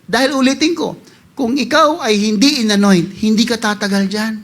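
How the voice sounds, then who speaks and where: A man preaching a sermon as pastor, animated, voicing congregants in quick asides and rising to loud calls to the congregation. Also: sits high.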